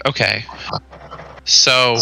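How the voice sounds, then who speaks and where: Slow, halting male game master. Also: mid-range voice, fairly even intonation, vocal fry, pushed and bright, faint music behind. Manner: hesitant, halting, restarts. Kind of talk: narrating a tabletop game over voice chat.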